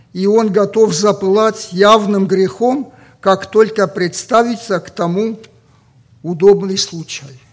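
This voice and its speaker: A native Ossetian speaker from Ossetia, with an Ossetian accent, preaches a sermon in a high-pitched voice. He speaks slowly and deliberately, pausing often and using fillers.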